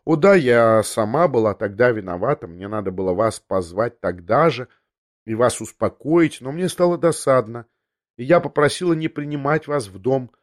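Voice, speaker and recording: A man's voice: mid-range voice, animated, normal speed, natural voice. A man voicing an agitated, tearful noblewoman. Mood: confiding. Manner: breathless, restless, half talking to herself. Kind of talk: audiobook character voice.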